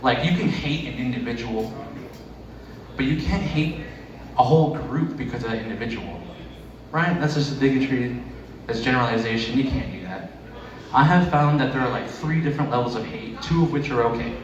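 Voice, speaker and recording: A man's voice: mid-range voice, brisk, highs cut off, crowd noise. A man performing a stand-up comedy set in a conversational, profane way. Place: echoey room with live audience. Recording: echoey noisy room, distant mic.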